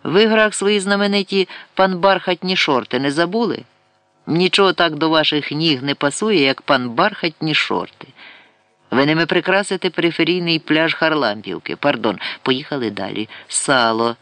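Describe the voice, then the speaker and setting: A man's voice: fairly high pitch, fairly bright tone, smooth, no room sound. A man voicing a witty, mocking young adventurer with an ironic, mock-announcer delivery in an audiobook.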